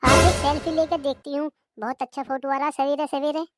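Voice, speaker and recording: Cartoon daughter-in-law, cheeky and breezy, high voice, put on by a voice actor. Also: flat delivery, a little fast, loud music behind the voice, natural voice. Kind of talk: cartoon comedy voice acting.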